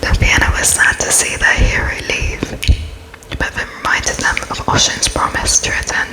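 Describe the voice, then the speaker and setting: An ASMR storyteller reads legends entirely in a whisper. The voice is unvoiced and breathy, with soft, gentle delivery. Phrases are carefully placed, as in a quiet bedtime reading. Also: moderate pace, low-quality recording.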